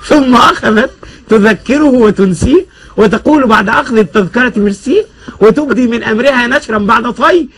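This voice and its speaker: A man's voice: very high-pitched, fairly bright tone, husky. A man reciting comic rhymed classical prose in a rhythmic, declaiming manner.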